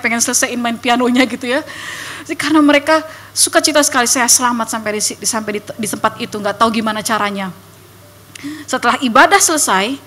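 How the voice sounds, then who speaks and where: Animated young woman giving church testimony. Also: fairly high pitch, slight background noise. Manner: animated storytelling, acts out voices and sound effects. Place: church hall.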